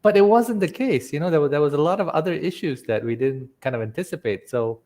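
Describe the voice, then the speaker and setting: A man's voice: fairly high pitch, lively intonation, fast, a little mellow. A man who is a podcast guest, explaining his experience in a reflective way and often checking in with "right?". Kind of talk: conversational interview.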